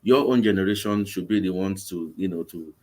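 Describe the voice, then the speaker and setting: Earnest Nigerian man, low voice. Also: brisk, darkish tone. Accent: Nigerian English. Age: 40s. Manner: earnest, repeats words often. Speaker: guest, vegan campaign organizer. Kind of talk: live interview.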